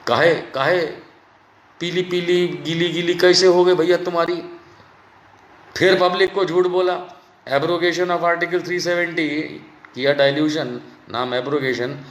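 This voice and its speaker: A man's voice: on the high side, fairly bright tone. Mocking man ranting in an echoey room. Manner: mocking, sarcastic, scolding. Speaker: political commentator. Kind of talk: angry political rant.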